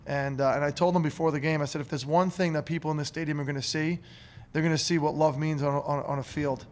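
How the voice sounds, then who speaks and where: A man in his thirties, working as a head coach, addresses a postgame press conference in a slightly high, darkish voice with fairly even intonation and a quick pace. His words are heartfelt and emotional, with frequent repetition. He uses a stand-mounted table mic in a press room before a curtain.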